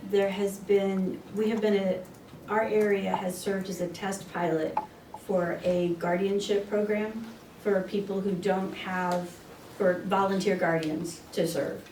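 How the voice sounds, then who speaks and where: A woman attorney explaining things over a video call, her voice fading in and out as she answers questions with halting restarts. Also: medium pitch, flat delivery. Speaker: attorney giving a presentation. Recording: echoey, distant call audio with faint noise.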